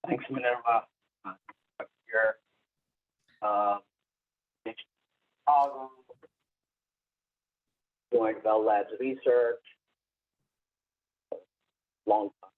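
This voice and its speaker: A man introducing himself on a panel over a video call whose audio cuts in and out, so his volume keeps dropping, and he speaks haltingly with pauses and fillers. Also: on the low side, steady tone, no room sound, narrow, tinny audio. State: audio cutting in and out, uneven volume. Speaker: panelist, company founder. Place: Chicago.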